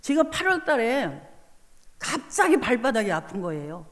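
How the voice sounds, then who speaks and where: A woman pastor gives a revival sermon in a high, lively voice that swings widely. She tells her testimony with emotional, animated force. Her words ring out with a long reverb in a church hall. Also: normal speed.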